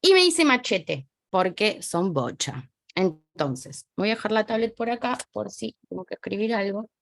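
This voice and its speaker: A woman's voice: medium pitch, unhurried, vocal fry, no echo, studio quality. A woman with an Argentine accent teaching French phonetics in a chatty online lesson, drifting away from the mic as she writes at a small desk. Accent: Argentine Spanish. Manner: chatty, lively explaining, drifts away from the mic while writing. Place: small home study desk.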